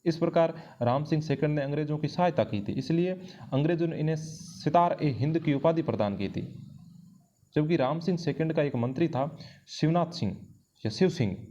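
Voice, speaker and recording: This is a man whose voice sits fairly high, warm in tone and moderately paced. Teaching a history exam-prep lesson built around quiz questions, he explains points and repeats key phrases to drive them home, captured on a dull lo-fi mic.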